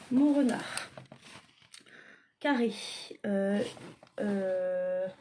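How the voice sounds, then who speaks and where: Slow, hesitant woman, noisy room. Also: high voice, dark tone. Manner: hesitant, many fillers and self-corrections. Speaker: vlogger showing her diamond painting stock. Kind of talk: casual show-and-tell. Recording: clear background noise.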